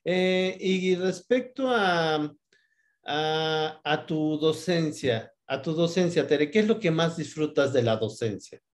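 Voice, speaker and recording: A man with a Mexican Spanish accent, interviewing a colleague. He asks his questions haltingly, often repeating words, and keeps praising her answers in a friendly way. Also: fairly high pitch, lively intonation. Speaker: interviewer, professor.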